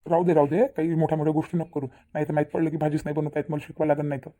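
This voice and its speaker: A woman voicing a cartoon character with rapid, teasing talk. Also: deep voice, flat delivery, dark tone. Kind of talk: Marathi cartoon voice acting.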